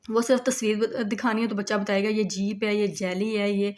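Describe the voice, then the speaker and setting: A woman's voice: medium pitch, little pitch movement, fairly quick, darkish tone. A woman giving a patient, step-by-step demonstration of writing letters, often saying "look" as she shows each step. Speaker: teacher.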